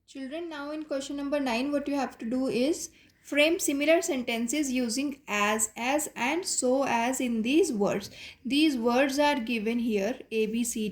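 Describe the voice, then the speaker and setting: High-voiced Indian woman teaching slowly. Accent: Indian English. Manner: explains step by step, rapid in Hindi, slow and deliberate in English. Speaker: English teacher. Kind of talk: classroom lesson, mixing Hindi and English.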